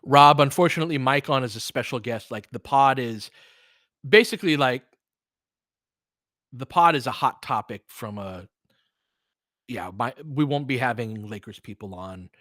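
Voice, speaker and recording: With a medium-pitched, fairly bright voice and lively intonation, a male sports podcast host talks at a moderate pace and pauses often. He's also a sports play-by-play streamer, chatting off the cuff with listeners in an earnest, rambling, freely profane way. The audio is studio quality with no echo.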